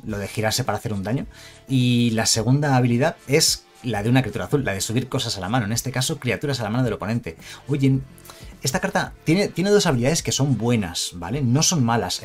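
A man talks through a card game on a casual live stream, his voice at an ordinary middle pitch. He rambles in a chatty way, wanders into asides and corrects himself often. Faint music plays quietly behind him.

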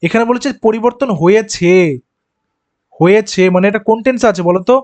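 A man's voice: sits high, a little mellow. A man teaching an exam-prep grammar lesson, patiently explaining and posing questions to his students, then answering them himself. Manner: reads example sentences slowly and deliberately.

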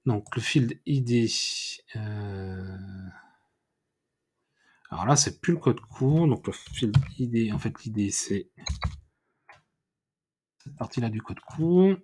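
Guy walking through a web tutorial, slow and unhurried, lots of ums and self-corrections, a bit husky. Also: mid-range voice, expressive, dark tone. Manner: unhurried, thinking aloud with many fillers and self-corrections. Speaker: WordPress tutorial instructor. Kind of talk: screen-recorded software tutorial.

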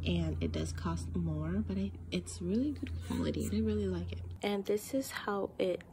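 A woman's voice: mid-range voice, normal speed, mellow, a little hiss or hum. Chatty young woman reviewing home gear. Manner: chatty and upbeat, speaks straight to viewers. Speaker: home fitness vlogger. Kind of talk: casual product review. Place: bright living room at home.

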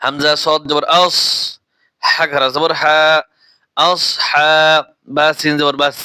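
A man with a Bangladeshi accent teaching the Quran, spelling out Arabic letter by letter and then chanting each word in a slow, drawn-out way. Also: fairly high pitch, little pitch movement, bright, forceful tone, smooth, no echo. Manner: slow, deliberate, drawn-out recitation.

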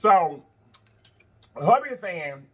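A man in his thirties with a husky voice, chatting casually as he hosts an eating show. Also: high voice, big pitch swings, takes it slowly, dull audio. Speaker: mukbang show host. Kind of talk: casual chat while eating. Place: indoor studio, seated at a table of food.

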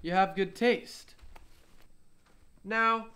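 A man playing a menacing, smug outlaw card dealer in a western film, with a taunting, deliberate, folksy way of talking. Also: sits high, steady tone, pushed and bright, clear, resonant tone, full character voice. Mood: smooth, taunting.

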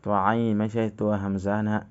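Low, flat-voiced man teaching recitation. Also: fast, clear, resonant tone, muffled recording. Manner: recites a phrase, then breaks it down patiently. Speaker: Quran reading teacher. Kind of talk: step-by-step recitation lesson.

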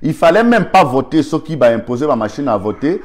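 A man's voice: a little high, very animated, brisk. A man with a Congolese accent gives an argumentative political commentary, firing rhetorical questions and thanking viewers by name.

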